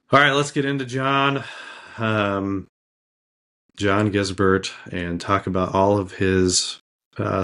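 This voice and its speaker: A man's voice: lowish voice, fairly bright tone. A man co-hosting a casual podcast with a slight cold, talking in a laid-back way with lots of fillers and easy laughs. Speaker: podcast co-host.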